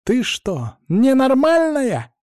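A man's voice: sing-song, quick pace, husky, dry recording, clean studio sound, full character voice. A man voicing a bossy young woman friend who screeches and snaps at people. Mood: shrill scolding. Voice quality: shrill, screeching. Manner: snapping, yelling.

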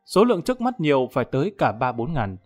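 A man's voice: medium pitch, sing-song, fast. A man reading a dramatic story as an audiobook narrator.

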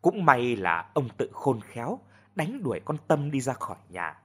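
A man voicing a worried older village mother who scolds softly and sighs, in a storybook reading. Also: mid-range voice, wildly swooping pitch, normal speed, slightly rough, exaggerated voice. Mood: weary scolding. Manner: soft, sighing, scolding.

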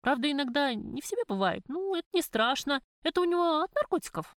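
A woman's voice: sing-song, quick pace, no room sound, clean studio sound. A woman voicing a blunt, mocking young woman friend who swears freely. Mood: chatty. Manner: blunt, mocking, raised pitch. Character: brash, foul-mouthed young woman dancer friend.

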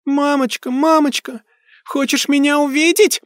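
A man's voice: extremely high pitch, steady tone, unhurried, no room sound, clean studio sound, pitched above the performer's own voice. A man voicing the cruel, vengeful ghost of a young girl who shrieks and taunts. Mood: shrieking.

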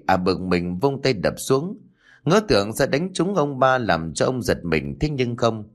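A man narrating a spooky audiobook story, now and then voicing the characters' quoted lines. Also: lowish voice. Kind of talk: scripted horror story narration.

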